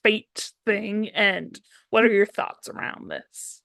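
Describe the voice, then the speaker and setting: A woman co-host talks casually about a book, agreeable and easygoing. Her voice sits at a medium pitch, recorded dry and close with no room sound. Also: takes it slowly, creaky, a bit bright, no echo. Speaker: podcast co-host.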